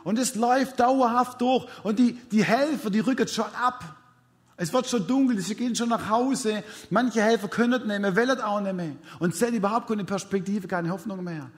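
High-voiced man preaching a dramatic story. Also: moderate pace. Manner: dramatic retelling with repeated counting; addresses the congregation directly. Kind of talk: sermon storytelling.

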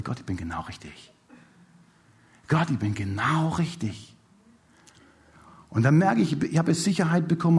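A male pastor telling a personal story in a sermon, speaking to the audience with lively storytelling. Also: a little high. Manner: animated storytelling, addresses the audience directly.

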